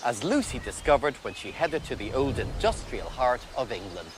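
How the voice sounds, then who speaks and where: Lively-pitched man presenting a wildlife show. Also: moderate pace, background noise.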